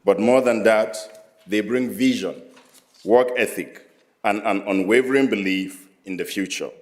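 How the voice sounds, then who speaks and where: A man delivering a formal, measured prepared speech as a commission chair at a council meeting. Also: fairly low pitch. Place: council chamber.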